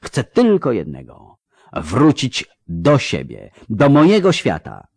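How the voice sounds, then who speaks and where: A man's voice: medium pitch, wildly swooping pitch, slow pace, vocal fry, no room sound, studio quality, full character voice. A man voicing a proud, angry young woman who protests in heated, indignant outbursts.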